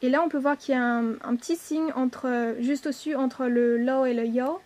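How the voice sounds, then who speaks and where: A woman's voice: sits high, fairly even intonation, moderate pace, a little mellow. A woman teaching a language lesson, patiently repeating each word and spelling things out, now and then correcting herself.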